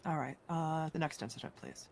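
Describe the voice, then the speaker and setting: Judge in a roleplay court, gravelly voice, short formal lines, mid pitch. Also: fairly quick, a little hiss or hum. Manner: brief, formal, repeats set phrases. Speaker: judge in a role-play court. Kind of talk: role-play court hearing.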